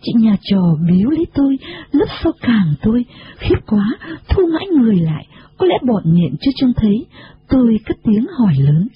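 Expressive female storybook narrator, dramatic, slightly high, lo-fi. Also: moderate pace. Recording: dull lo-fi recording.

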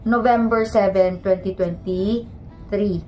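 A woman's voice: mid-range voice, steady tone, slow, dark tone, slight background noise. A woman in her forties from the Philippines, co-hosting a vlog and politely giving viewers advice. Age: 40s. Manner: polite, addresses viewers directly. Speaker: vlog co-host. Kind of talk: casual advice vlog chat.

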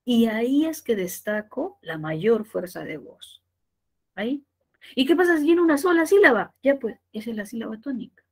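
Woman, Peruvian Spanish accent, language teacher, lecturing, fairly high voice, asks and answers herself. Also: moderate pace. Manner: lively, asks and answers her own questions. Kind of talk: classroom lecture.

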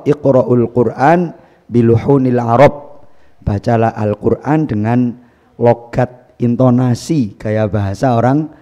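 A man teaching Quran recitation, explaining patiently and reciting Arabic verses slowly with stress. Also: mid-range voice, warm tone, long reverb tail, dull audio. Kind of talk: instructional talk with recitation demos. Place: pesantren hall.

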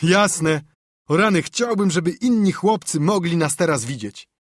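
A man voicing a boastful young boy in an audiobook, talking excitedly about showing off. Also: on the high side, measured pace, no echo, studio quality, voice pushed up. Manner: bragging, excited.

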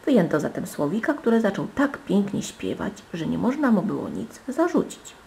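A woman reading a fairy tale aloud with dramatic, animated storytelling and soft hushed asides. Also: medium pitch, normal speed, creaky. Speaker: storybook reader.

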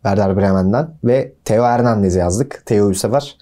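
A man's voice: lowish voice, moderate pace, mellow. A man co-hosting a football podcast, easygoing and agreeable, steering the talk between segments.

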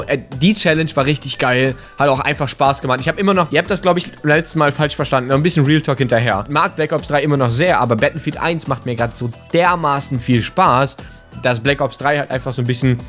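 Hoarse German-speaking gamer, strained voice. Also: male voice, mid-range voice. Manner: casual, slangy, excitable. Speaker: gaming YouTuber. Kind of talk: casual gameplay commentary.

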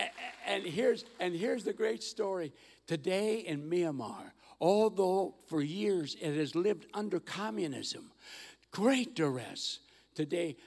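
An older man telling mission stories in a sermon on a church stage, animated and acting out the voices of the people in his stories. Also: a little high, vocal fry. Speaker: guest missionary speaker. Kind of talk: storytelling sermon. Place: large church auditorium stage. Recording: long hall reverb.

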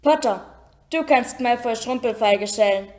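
A woman reading aloud and voicing a cold, menacing male teacher who speaks flatly. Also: a little high, unhurried, close to an everyday voice. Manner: flat, threatening.

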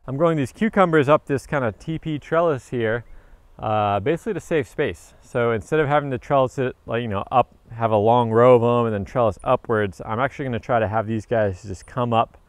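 A man in his thirties walks through his garden outdoors, talking into a handheld camera he holds at arm's length. He is upbeat and chatty, trailing off into fillers and correcting himself mid-sentence. His voice sits at an ordinary pitch and sounds dry and close, with no room echo. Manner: upbeat, rambling, with frequent fillers and self-corrections. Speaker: homesteader vlogger. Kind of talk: casual garden walk-through. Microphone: handheld action camera at arm's length.

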